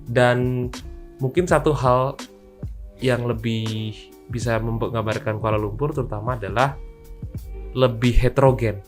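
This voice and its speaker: A man from Solo with a Javanese accent, co-hosting a podcast in a measured, hesitant way, often pausing to search for words. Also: mid-range voice, fairly even intonation, soft background music. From Solo, Indonesia. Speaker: podcast co-host. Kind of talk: casual chat.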